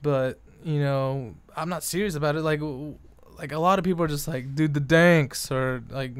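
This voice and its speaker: A man's voice: on the high side, normal speed, clean tone, no echo. Young male vlogger, exasperated, swearing a lot, rambling opinions; clean, resonant tone, dead-dry room. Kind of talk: casual opinion rant.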